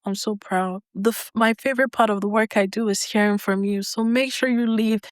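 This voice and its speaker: A woman coach talks straight to her viewers in an earnest motivational tone, repeating key phrases slowly for weight. Her voice sits at an ordinary middle pitch. The recording is dry and close, with no room echo. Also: steady tone. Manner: earnest, slow emphatic repetition. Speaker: self-concept coach.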